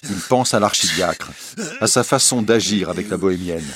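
A man's voice: low voice, moderate pace, fairly bright tone, breathy edge, dry recording, clean studio sound. A man narrating a classic story aloud in a dramatic reading style.

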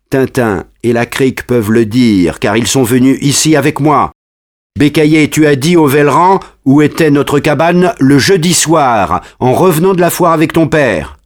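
A man's voice: mid-range voice, pitched above the performer's own voice, lightly acted. A man voicing a stern boy gang leader who speaks firmly and gives commands. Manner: firm, commanding. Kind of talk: audiobook character voice.

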